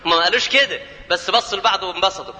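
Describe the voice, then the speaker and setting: Egyptian male preacher, very high, piercing tone, playful, quizzes the crowd, long hall reverb. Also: racing, bright, forceful tone. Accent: Egyptian Arabic. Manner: jokey, asks the audience questions, chants scripture. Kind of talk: lively colloquial sermon.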